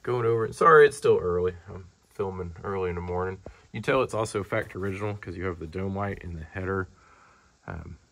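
A man presents a vehicle as a car dealer in a large indoor showroom, giving a casual, off-the-cuff, matter-of-fact sales walkaround that rambles informally. He talks fast in a low-pitched, fairly bright voice, recorded by a handheld camera he stands behind.

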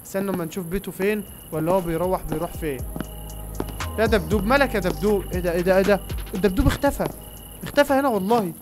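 A young man with an Egyptian Arabic accent races through excited game commentary and speaks straight to his viewers. His delivery is very quick and lively. Clear music from the game plays underneath. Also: sits high. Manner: rapid, excited running commentary, talking to viewers. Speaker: gaming YouTuber. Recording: game music playing behind.

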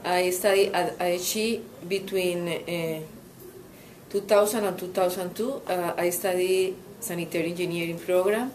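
A woman's voice: lowish voice, fairly even intonation, moderate pace, a little mellow, a little hiss or hum, low-quality recording. A woman from Colombia giving a hesitant testimonial to camera, with many fillers. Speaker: course participant.

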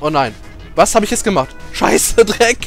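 A man doing let's play commentary, emotional and excitable, cheering, swearing and shouting at the game as he plays. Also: high voice, moderate pace, faint music behind.

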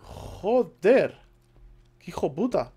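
Swearing Spaniard gamer muttering while playing. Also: male voice, high-pitched, big pitch swings, drawn-out words, mellow, husky, soft background music. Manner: swears a lot, mutters to himself. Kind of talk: let's play commentary.

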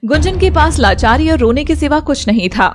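A woman's voice: high voice, moderate pace, soft background music. Woman narrating a dramatic story. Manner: even, storytelling. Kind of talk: scripted narration.

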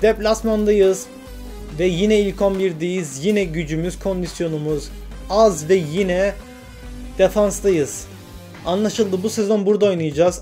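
A young man narrating his football video game career, talking to himself and shouting at the play. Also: high-pitched. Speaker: gaming YouTuber. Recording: game music clearly under the voice.

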